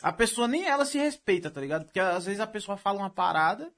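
A young man with a Brazilian Portuguese accent from São Paulo chats casually at a rapid clip. His voice sits high for a man. His talk is full of street slang and swearing. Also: sing-song, a bit bright. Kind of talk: casual chat.

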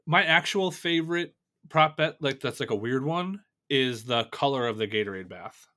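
A man's voice: medium pitch, animated, moderate pace, sharp tone. A man co-hosting a casual sports podcast, answering in brief, dry replies. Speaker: podcast co-host.

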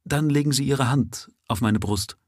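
Man reading dying male avenger, earnest, raised pitch, dry sound. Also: moderate pace, dry recording, close to an everyday voice.

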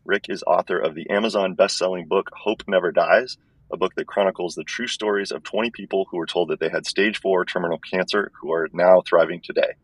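Male podcast interviewer, deep register, conversational delivery, thin metallic tin-can tone from an earbud mic. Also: fairly even intonation, fairly quick, breathy edge, no room sound. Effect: thin, tinny, tin-can sound. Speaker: podcast host. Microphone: wireless earbuds. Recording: tinny earbud microphone audio.

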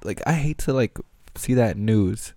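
Low-voiced man hosting a casual podcast. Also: unhurried, warm tone, dry recording. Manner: loose, rambling, slangy talk full of "like". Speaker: podcast host. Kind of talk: casual solo podcast chat.

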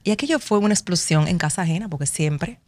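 A middle-aged woman with a Dominican accent, a broadcaster speaking as a guest and telling animated stories about raising her daughters, acting out what each person said. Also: on the low side, quick pace, no echo, studio quality. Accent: Dominican Spanish. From Dominican Republic. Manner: animated storytelling, acts out quotes. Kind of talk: conversational interview.

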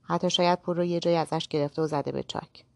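A woman's voice: deep voice, fairly even intonation, creaky, dry recording. A woman voicing a curt, irritable man who gives blunt, impatient replies in a read-aloud story. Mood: taunting.

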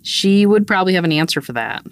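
As a podcast co-host, a woman chats casually and laughs often while telling stories about her young daughter. Her voice is fairly low and expressive, and she talks quickly.

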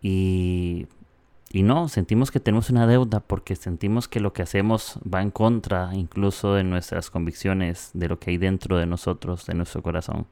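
Deep-voiced Costa Rican podcast host. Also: male voice, fairly even intonation, moderate pace, dry recording. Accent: Costa Rican Spanish. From Costa Rica. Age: 30s. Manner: warm, chatty, with frequent "eh" fillers. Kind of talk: casual reflective podcast monologue.

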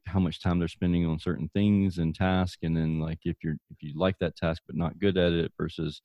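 Deep, mellow Deep South man. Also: no echo. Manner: informal, joking, rambling questions. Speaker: podcast host, interviewer. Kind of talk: casual conversational interview.

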